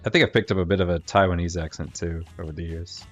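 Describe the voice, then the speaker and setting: The speaker is a gaming streamer, a middle-aged man from Virginia with a local accent, talking fast in a low, steady voice. His casual chat over the gameplay is rambling and self-correcting, as if he's thinking out loud. A desk mic captures him in dull lo-fi quality, with game music audible.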